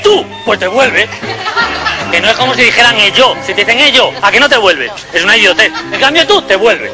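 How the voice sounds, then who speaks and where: High-voiced playful male storyteller. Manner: playful, acts out voices with sudden loud bursts. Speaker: magician. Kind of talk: animated storytelling.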